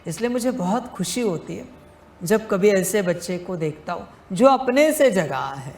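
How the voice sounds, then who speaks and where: A man with a high voice, lively intonation and a darkish tone offers a devotional discourse as a spiritual teacher. He talks deliberately, repeats phrases for emphasis, and treats his listeners like his own children. The room is echoey.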